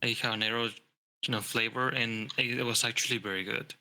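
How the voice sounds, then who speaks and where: Guy with a really bright edgy voice, just chatting, kinda halting, lots of likes. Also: medium pitch, steady tone, rough recording. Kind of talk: casual chat, giving opinions.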